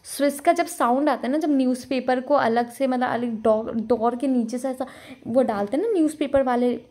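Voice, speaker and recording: A woman's voice: high voice, normal speed, darkish tone. A woman tutor giving a casual exam-prep lecture, talking freely, checking in with "okay" again and again, and mixing English terms into Hindi. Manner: talkative, repeats "okay" often, mixes English into Hindi.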